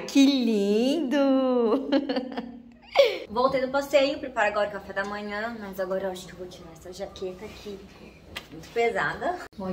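A woman's voice: medium pitch, a bit bright, echoey room, recorded from a distance, slight background noise. A Brazilian woman chatting through her day in a casual vlog, sometimes cooing at her dogs in baby talk. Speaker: vlogger. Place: home in cold weather, moving between rooms and outdoors. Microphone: phone held or propped nearby.

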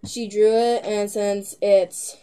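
A woman's voice: medium pitch, little pitch movement, takes it slowly, dark tone, clear, resonant tone. A young teenage girl vlogging in a casual, rambling way, giggling and filling gaps with lots of "um"s. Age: young teen. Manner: rambling, giggly, with many filler words. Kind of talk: casual chat to camera.

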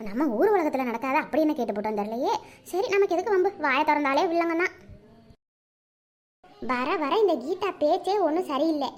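A woman voicing a shrill outspoken village wife. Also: animated, a little fast, pauses often. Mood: grumbling. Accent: Kanyakumari Tamil. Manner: shrill, exclaiming.

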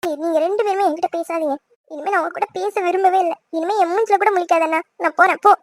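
A woman's voice: very high-pitched, fast, dark tone, dry recording. A woman voicing a hurt, angry young wife in a cartoon, scolding and indignant. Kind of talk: fan cartoon voice acting.

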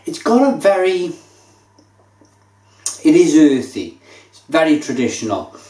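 With a fairly high pitch and measured pace, this thirtysomething man tastes a beer at home and talks about it in a relaxed, chatty way, describing each sip. The indoor kitchen sounds echoey through a camera mic set at table distance.

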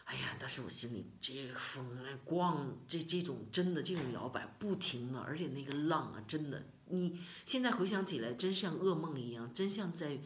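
A middle-aged woman from China telling a personal story in a casual vlog, emotional and expressive, with many repeated words and sighs. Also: low voice, moderate pace, few pauses, a little hiss or hum. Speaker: vlogger.

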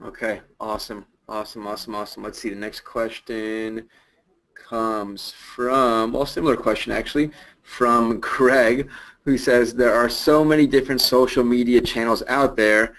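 A male webinar host reads audience questions aloud in a relaxed, conversational way. He echoes short affirmations between answers, and his voice sits at an ordinary middle pitch. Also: normal speed. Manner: casual, repeats affirmations.

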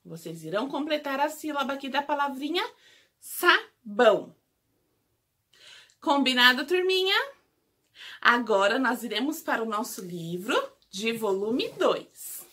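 Brazilian woman, teacher, small-children lesson, bright tone, high-ish voice. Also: sing-song. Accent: Brazilian Portuguese. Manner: slow, drawn-out syllable drills for small children. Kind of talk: remote lesson for young children.

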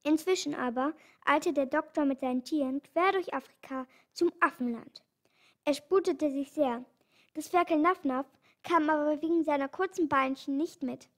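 Woman audiobook reader, children's story, high voice, clear and even. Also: moderate pace. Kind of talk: scripted storybook narration.

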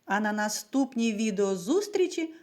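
A woman teacher giving a recorded lesson to young children, speaking slowly and clearly and answering her own questions. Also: medium pitch, sing-song, a little mellow. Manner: slow, carefully articulated, asks and answers her own questions.

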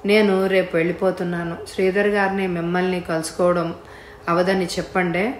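A woman voicing a reserved young man who speaks softly and formally. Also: on the low side, flat delivery, moderate pace, roomy sound, a little hiss or hum, close to an everyday voice. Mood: subdued.

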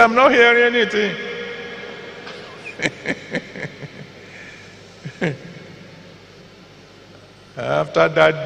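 A man with a Nigerian accent preaching a sermon deliberately, pausing between short phrases and repeating them for emphasis, his voice gravelly and creaky. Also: a little high, fairly bright tone. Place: large church auditorium with PA reverb. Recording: reverberant large hall, faint background noise.

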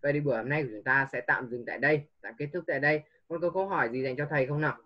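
A man's voice: mid-range voice, rapid-fire, dull audio. A man tutoring a young pupil one-on-one online, patiently coaxing answers and mixing English prompts into his teaching.

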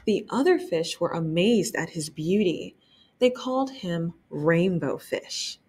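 A young woman librarian reading a picture book aloud for children, enthusiastic and gently expressive, stopping to remark on the pictures. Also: lowish voice, slow, slightly rough. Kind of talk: storytime read-aloud.

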